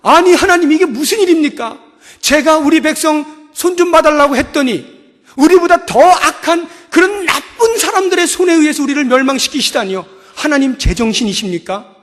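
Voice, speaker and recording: A man voicing an indignant male prophet who protests loudly and in agitation to God. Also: very high-pitched, expressive, normal speed, voice pushed up. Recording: long church hall reverb.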